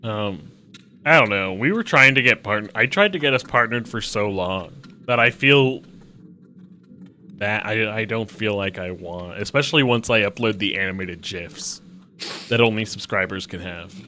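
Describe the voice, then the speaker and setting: A man's voice: fairly low pitch, lively intonation, normal speed, pushed and bright, a little hiss or hum. A young man hosting a casual game stream, joking and a bit whiny in banter with his co-host.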